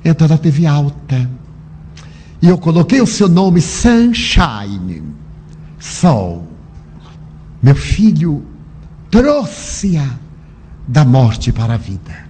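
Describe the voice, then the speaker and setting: A man telling a moving first-person story with emotion, slowing down and pausing for drama. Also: fairly high pitch, big pitch swings, mellow, a little hiss or hum. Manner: emotional, with dramatic pauses and slowed phrases.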